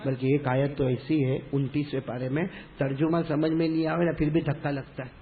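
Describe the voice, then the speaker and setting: Male preacher with a high voice, leading a call-and-response sermon, heard through a tinny line. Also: level tone, a little hiss or hum. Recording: echoey hall over a tinny phone-like line.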